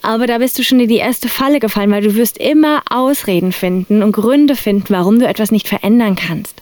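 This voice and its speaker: A woman's voice: on the high side, a little fast, darkish tone. A woman co-hosting a casual podcast, talking earnestly and persuasively, often addressing the listener directly. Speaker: podcast co-host.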